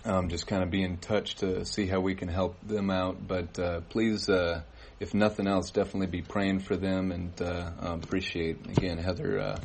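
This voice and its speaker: A man giving church announcements, halting with many fillers. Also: low voice, level tone, slight background noise. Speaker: worship leader giving announcements. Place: church service.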